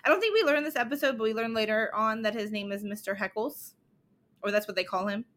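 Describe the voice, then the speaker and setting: A woman's voice: fairly high pitch, fast talker, a bit bright. A woman co-hosting a podcast, chatting casually through an episode recap with frequent giggles and ums. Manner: giggly, talks through plot with filler ums. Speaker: podcast co-host.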